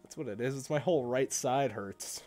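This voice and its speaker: A man's voice: medium pitch, moderate pace, a little mellow. A man streaming a game while sick, groaning and poking fun at himself in casual chat. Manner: groaning, self-mocking complaints.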